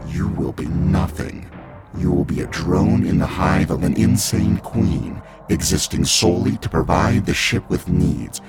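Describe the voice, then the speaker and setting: A man voicing a cold, menacing immortal starship pilot, speaking slowly in a hushed, half-whispered tone. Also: low-pitched, vocal fry, exaggerated voice. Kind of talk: audiobook character reading. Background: loud music.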